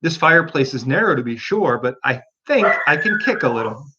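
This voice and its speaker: An earnest young girl from a storybook, as a man reads her, musing and fretting to herself. The pitch moves about in a lively way. The recording sounds a bit dull. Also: a little fast, background noise, natural voice. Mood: wondering. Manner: musing, fretful, talking to herself. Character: young girl Alice, earnest, self-arguing storybook heroine.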